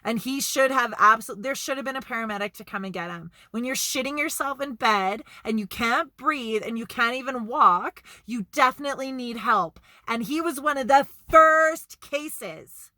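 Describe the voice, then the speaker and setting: A woman's voice: a little high, normal speed, few pauses, pushed and bright, no room sound, studio quality. A woman from Canada talking in a casual vlog monologue, blunt and emphatic, swearing freely and repeating words for emphasis. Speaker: vlogger.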